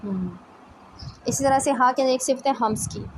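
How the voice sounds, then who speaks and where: A woman teaching tajweed one-on-one, patiently explaining letters and demonstrating each sound slowly. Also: high voice, slight background noise, low-quality recording. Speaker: Quran recitation teacher.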